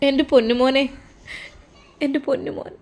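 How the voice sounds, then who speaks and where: A woman's voice: sits high, normal speed, pitched above the performer's own voice, close to an everyday voice. A woman with a Malappuram Malayalam accent voicing a worried mother who pleads with her son. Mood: anxious. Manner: anxious, pleading. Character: worried middle-aged mother.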